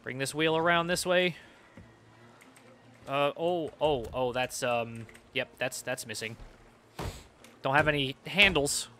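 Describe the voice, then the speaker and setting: A young man streaming a video game, excitably talking to himself as he plays. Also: medium pitch, a little hiss or hum. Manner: excitable, talks to himself while playing. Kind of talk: live gameplay commentary.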